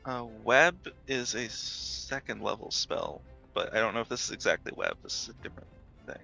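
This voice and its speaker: A man with a creaky, bright-edged voice of middle pitch talks casually as a tabletop game player, faint music behind him. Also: lively intonation, normal speed, poor audio.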